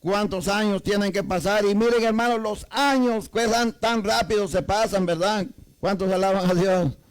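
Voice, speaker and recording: A man's voice: high voice, fairly even intonation, normal speed, clear, resonant tone, rough recording. A man preaching a sermon to a congregation with a Salvadoran Spanish accent, asking many rhetorical questions. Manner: rhetorical questions to the congregation, repeats "amados hermanos".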